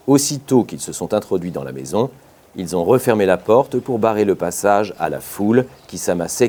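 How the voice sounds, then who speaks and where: A man reads an audiobook in scripted narration, his voice low and dark-toned. He speaks in a measured but expressive way, and his pitch rises and falls widely from one line to the next.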